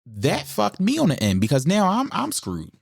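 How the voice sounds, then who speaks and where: A man's voice: high voice, normal speed, vocal fry, husky, no echo, studio quality. A man co-hosting a casual gossip podcast, blunt and opinionated as he rants about reality TV drama. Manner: blunt, opinionated, animated ranting. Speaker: podcast co-host.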